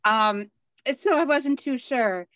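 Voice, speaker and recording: A woman's voice: fairly high pitch, takes it slowly, fairly bright tone, dry recording. A woman, a beading class instructor, joins a group meeting over a phone into a video call, speaking casually and hesitantly with many ums and restarts. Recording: dull, muffled phone audio.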